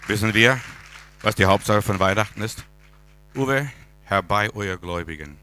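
A man's voice: fairly low pitch, expressive, normal speed, pushed and bright, soft background music. A man leading a Christmas Eve service as pastor, praying and preaching earnestly with rhetorical questions. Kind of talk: sermon. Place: church service.

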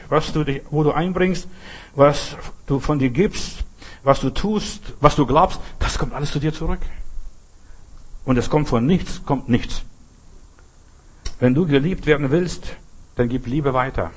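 A man preaching a sermon in an emphatic, repetitive way, with a husky voice. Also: on the high side. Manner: emphatic, repeats phrases, shouts echoing cries when telling stories.

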